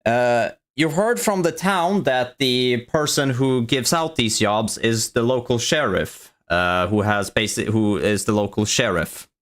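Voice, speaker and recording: A man's voice: medium pitch, a little slow, few pauses, a bit bright. A man running a tabletop game as dungeon master, narrating the scene in a rambling way, restarting his sentences and swearing casually on a voice call. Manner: rambling, profane, restarts often while narrating.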